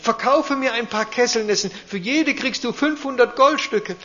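A man putting on a high, haughty little grand duke. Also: normal speed, bright, forceful tone. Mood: eager. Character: small proud male grand duke, pompous and excitable. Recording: dull lo-fi recording.

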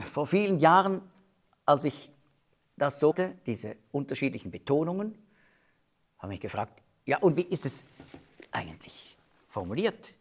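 Slow, lively-voiced German Bible teacher. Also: male voice, a little high. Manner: explains slowly and deliberately, stressing key words.

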